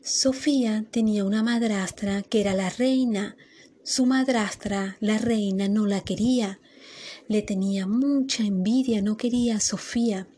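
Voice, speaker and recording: A woman telling a fairy tale aloud, slowly and gently, with small slips. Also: medium pitch. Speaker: storyteller.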